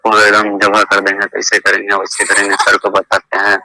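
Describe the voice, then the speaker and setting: Brief: man, insistent and coaching, low flat voice, dry and sharp. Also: moderate pace, vocal fry, dry recording, rough recording. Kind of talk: private phone conversation.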